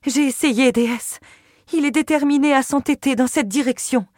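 A woman's voice: sits high, moderate pace, darkish tone, no room sound, studio quality, voice pushed up, lightly acted. A woman voicing a pleading, prostrate queen. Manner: pleading, deferential.

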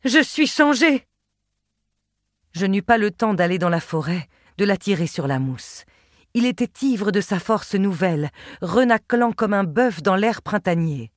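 A woman narrates a literary novel in the first person with a measured, expressive delivery. Her voice sits in a middle range. It is recorded close to the mic with a dry, deadened sound. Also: mid-range voice, no room sound. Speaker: audiobook narrator.

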